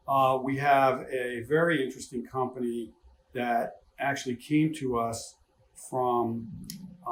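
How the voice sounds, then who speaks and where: Man interviewing in an echoey room. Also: mid-range voice. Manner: friendly, measured, with fillers. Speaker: interviewer for a county development board. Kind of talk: recorded interview. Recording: echoey room, distant mic.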